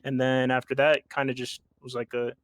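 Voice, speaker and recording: A man's voice: medium pitch, level tone, fairly quick, no room sound. A man role-playing an employee in a crime game, recounting things in a subdued, unsure way. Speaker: role-player as a pharmacy employee. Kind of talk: improvised role-play in an online crime game.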